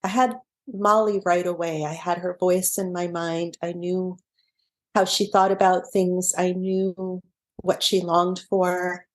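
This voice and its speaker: Soft-spoken thoughtful woman author. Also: fairly low pitch, flat delivery, slow pace. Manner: thoughtful, laughs often, restarts phrases. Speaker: author guest. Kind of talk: podcast interview.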